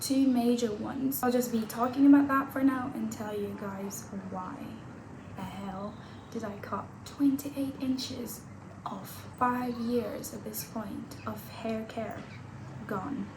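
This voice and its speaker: A woman in her twenties talking casually and candidly to the camera, laughing at herself now and then. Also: fairly high pitch. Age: 20s. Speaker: vlogger. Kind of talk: casual talking-head vlog. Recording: echoey room with audible background noise.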